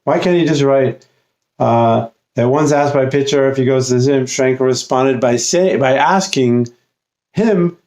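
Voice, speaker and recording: A man's voice: medium pitch, mellow. A man giving an unscripted grammar lesson as an English writing tutor, talking casually with frequent fillers and restarts.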